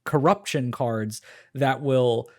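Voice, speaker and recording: A man co-hosting a casual games podcast, talking in a loose, animated way with many fillers. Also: medium pitch, slow pace. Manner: animated, laughing, trailing off into fillers. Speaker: podcast co-host. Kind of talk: casual chat.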